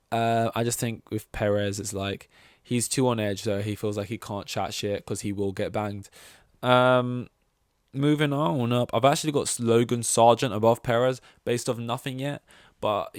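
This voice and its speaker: Steady in tone and moderate in pace, this podcast host's mid-range voice is clean, captured at studio quality without room sound. His casual sports rankings are opinionated, rambling, sweary, and sarcastic, with mock quotes acted out.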